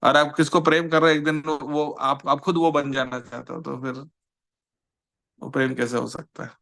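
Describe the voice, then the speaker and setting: A man giving a scripture class in an unhurried, conversational way, often checking in with his listeners. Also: on the high side, fairly even intonation, vocal fry, fairly bright tone. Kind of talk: Hindi-English mixed scripture lecture.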